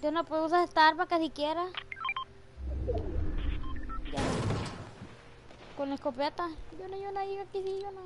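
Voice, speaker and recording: High-voiced excitable woman gaming streamer. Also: moderate pace, pauses often, heavy background noise. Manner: excitable, yelps and teases her teammate. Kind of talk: casual gameplay chat with a teammate. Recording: loud game music behind the voice. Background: loud music.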